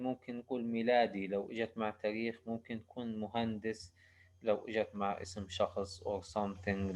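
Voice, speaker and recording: A male university lecturer, explaining slowly and haltingly in English and switching quickly into for examples. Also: medium pitch. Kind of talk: recorded lecture.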